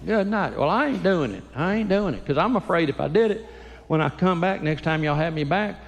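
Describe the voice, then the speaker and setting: A man's voice: on the high side, lively intonation, a little fast, creaky, big-room sound. Folksy older man doing church comedy. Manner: folksy, teasing the audience, acts out quotes. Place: church sanctuary.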